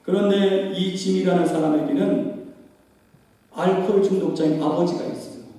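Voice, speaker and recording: High-pitched gravelly pastor preaching. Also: male voice, mellow. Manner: emphatic storytelling, often calls out to the congregation. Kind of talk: sermon. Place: church sanctuary. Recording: long hall reverb, distant in a church.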